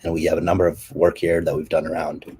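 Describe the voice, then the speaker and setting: A man presenting his company's standards work and answering questions, speaking haltingly with many fillers and restarts. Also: rumbling low, completely flat delivery, very noisy. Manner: halting, many ums and restarts, coughs between phrases. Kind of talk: technical presentation and Q&A.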